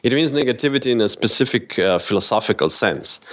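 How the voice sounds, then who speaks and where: A man's voice: mid-range voice, animated, quick pace. A man, a philosopher guest in an interview, explaining carefully and hesitantly with many restarts. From Slovenia. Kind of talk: casual interview.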